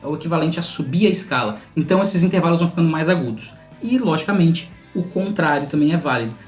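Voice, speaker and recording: Brief: Brazilian-accented music teacher, patient and methodical, reverberant room with a soft drone behind. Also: medium pitch, lively intonation, quick pace. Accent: Brazilian Portuguese. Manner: patient, methodical, speaks directly to the viewer. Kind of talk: explanatory music theory lesson. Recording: roomy sound with a faint instrumental drone.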